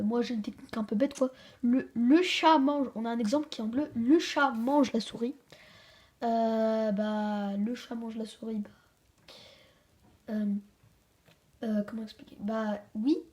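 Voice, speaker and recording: A woman hosting a home-made grammar lesson, hesitant, with many fillers and restarts, slowing down to stress example sentences. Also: on the high side, mellow. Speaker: channel host teaching a French grammar lesson. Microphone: camera she handles herself.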